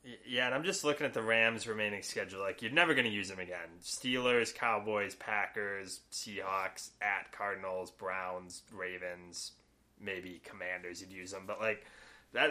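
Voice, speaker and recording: A man co-hosting a casual sports podcast, blunt and opinionated, with quick asides. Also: on the low side, bright, forceful tone. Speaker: podcast co-host.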